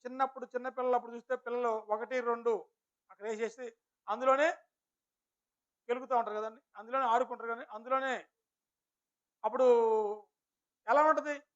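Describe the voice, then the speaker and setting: A man with a very high, bright and forceful voice preaches a sermon. He keeps throwing rhetorical questions at the congregation while addressing them politely. The recording is dull and lo-fi. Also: steady tone, a little fast, pauses often. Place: village church.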